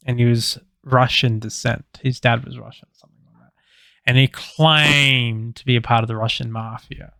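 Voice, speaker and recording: A man's voice: mid-range voice, fairly bright tone, clean tone, no room sound. An Australian man co-hosting a podcast, telling rambling stories with plenty of swearing and laughter. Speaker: podcast co-host. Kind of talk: casual chat, storytelling.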